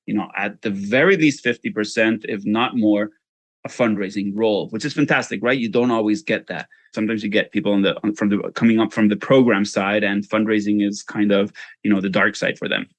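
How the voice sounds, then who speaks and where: A Spanish man with a Spanish accent answers interview questions as a guest; he works as a fundraising consultant. His voice is on the low side and the audio has no echo. He keeps things informal and self-deprecating, saying "you know" a lot.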